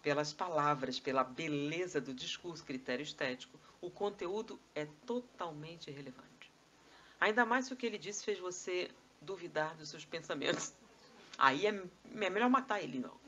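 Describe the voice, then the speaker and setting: A Brazilian woman gives a live lecture in a meeting hall, her lowish voice lively and swooping as she fires rhetorical questions at the audience. The recording is a little dull, with a faint hiss underneath. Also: moderate pace. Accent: Brazilian Portuguese. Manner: animated, rhetorical questions, conversational asides. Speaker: spiritist lecturer. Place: spiritist society meeting hall.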